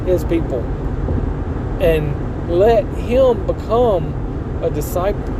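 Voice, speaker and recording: High-pitched, folksy man over vehicle noise. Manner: earnest, folksy, colloquial. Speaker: channel host. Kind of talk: casual personal vlog monologue with preaching. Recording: clear vehicle and outdoor noise.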